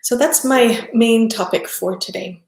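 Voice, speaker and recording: A woman's voice: a little high, unhurried, a little mellow. A middle-aged woman from South Texas, a yoga teacher, talking casually on a livestream in a chatty, rambling way with many ums and self-corrections. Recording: echoey room.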